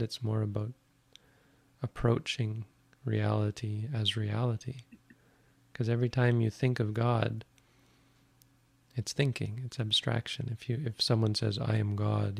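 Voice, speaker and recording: A male Buddhist monk with a low, steady voice that barely rises or falls and carries a gravelly rasp. He answers audience questions plainly and frankly, with a dry, self-deprecating wit. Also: dry recording. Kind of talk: live question-and-answer session.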